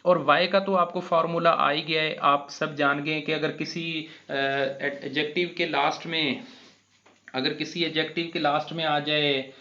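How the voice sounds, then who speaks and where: Slow-talking male teacher. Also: a little high, steady tone, bright, forceful tone. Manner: spells out words letter by letter, with frequent fillers. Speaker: English teacher. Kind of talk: classroom grammar explanation. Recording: dull lo-fi recording.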